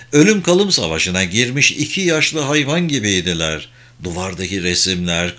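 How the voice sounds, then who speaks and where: A man reading a thriller novel aloud in a measured, dramatic narration. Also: fairly low pitch, sharp tone. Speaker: audiobook narrator. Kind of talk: scripted audiobook narration.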